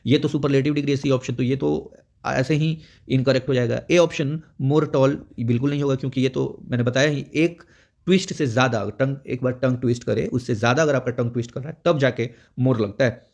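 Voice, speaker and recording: This is a man's voice, medium in pitch, steady and fairly quick, with a gravelly yet slightly mellow quality. He's giving an exam prep grammar lesson, walking through each step and checking in often with "theek hai."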